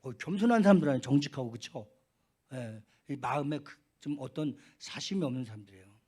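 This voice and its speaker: A middle-aged man, a pastor, preaching a sermon in a church, swinging between quiet asides and loud, high, fervent peaks. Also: expressive, a little fast, slightly rough. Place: church sanctuary.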